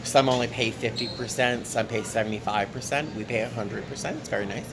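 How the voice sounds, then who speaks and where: Speaking a little fast with fairly even intonation and a medium pitch, a tired man vlogs casually about his flight attendant life. He addresses a handheld camera held at arm's length in an airport terminal, with airport background noise clearly audible.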